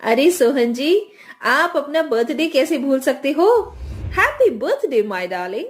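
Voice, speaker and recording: A woman's voice: sits high, very animated, a little slow, soft background music. A woman voicing a loving young wife who teases her husband in a sing-song way. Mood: affectionate.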